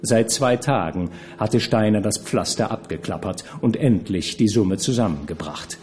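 A man reading a classic novel aloud as an audiobook narrator, expressive and measured. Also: lowish voice. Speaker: audiobook reader. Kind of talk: scripted narration.

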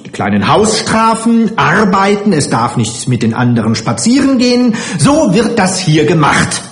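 A man reading an audiobook and voicing a harsh woman who runs a children's home, shrill and falsely sweet. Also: very animated, moderate pace, roomy sound. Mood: cold. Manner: shrill, scolding, mock-gentle. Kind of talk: audiobook character voice.

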